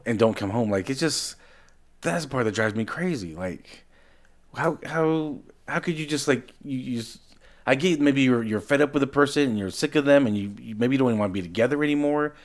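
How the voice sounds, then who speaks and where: A man's voice: medium pitch, a little fast. A man co-hosting a podcast in casual chat, talking animatedly and often repeating words as he restarts. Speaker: podcast co-host.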